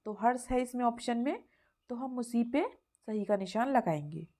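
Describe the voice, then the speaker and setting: A woman's voice: a little high, expressive, moderate pace, mellow. Patient woman teacher walking kids through answers. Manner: patient, repeats answers and calls the listener "beta". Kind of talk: explaining exam answers to young children.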